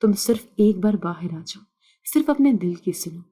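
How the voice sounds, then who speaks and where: Give me a persistent young man who pleads earnestly, read by a woman telling a story. His voice is dark and even. He presses his case again and again. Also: medium pitch, husky. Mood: insistent. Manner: earnest, insistent.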